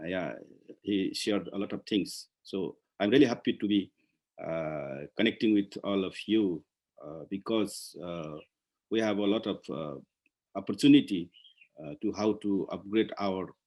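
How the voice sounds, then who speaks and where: Man, deep voice, halting speech, video call. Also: darkish tone. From Nepal. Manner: halting, many pauses and restarts. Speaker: guest speaker. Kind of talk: virtual meeting remarks.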